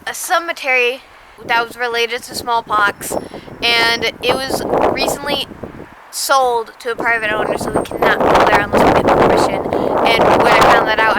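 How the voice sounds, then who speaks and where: A young woman from Massachusetts vlogging casually outdoors in a windy cemetery, chatty and apologetic, cold and low on energy, filmed by someone else holding the camera. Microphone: camera held by another person. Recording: heavy wind noise on mic.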